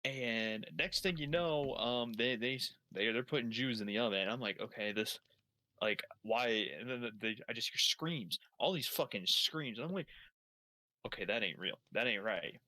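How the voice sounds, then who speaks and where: A man's voice: medium pitch, normal speed, pushed and bright, no echo. A man improvising a long comedic story in first person, swearing constantly and restarting his sentences as he goes. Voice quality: heavy swearing, rambling with many restarts. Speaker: storyteller on a gaming stream.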